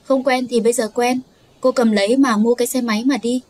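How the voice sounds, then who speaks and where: A woman's voice: fairly high pitch, steady tone, brisk, darkish tone, natural voice. A woman voicing a self-assured rich man. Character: rich man in a suit, amused and generous.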